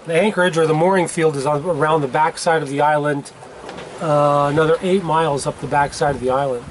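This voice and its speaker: Man in his fifties, slightly high voice, rambling casual video diary, wind and sea noise, camera at arm's length. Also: fairly quick. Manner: rambling, self-correcting, relaxed. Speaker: solo sailor vlogging. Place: outdoors on a sailboat cockpit at sea. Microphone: handheld camera at arm's length. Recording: windy outdoor camera audio with sea noise. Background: wind and water noise.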